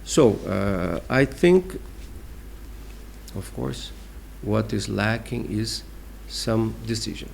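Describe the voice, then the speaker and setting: A man with a Brazilian accent answering interview questions as a diplomat, explaining deliberately and emphatically with pauses. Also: lowish voice, gravelly, a little mellow, a little hiss or hum. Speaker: ambassador giving an interview.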